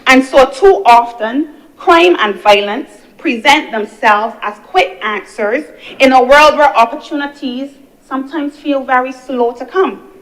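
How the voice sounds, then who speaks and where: A woman's voice: high-pitched, a little slow, poor audio. A young woman giving an earnest parliamentary speech as a senator, building her points through repeated phrases. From Barbados. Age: young adult. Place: senate chamber.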